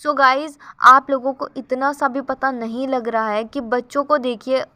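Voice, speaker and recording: Bright-voiced woman vlogger, earnest commentary. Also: sits high, steady tone, measured pace, no room sound. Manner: earnest, sympathetic, keeps addressing viewers as guys.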